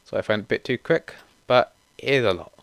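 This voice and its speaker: A young man hosting a gaming channel, reading out update notes in a steady run with casual asides. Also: mid-range voice, quick pace, vocal fry, no echo.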